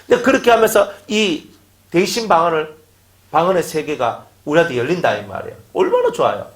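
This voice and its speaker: A pastor preaches a sermon in an echoey room, firing off rhetorical questions and acting out quotes. His voice is a little high with huge pitch swings, and he speaks a little fast.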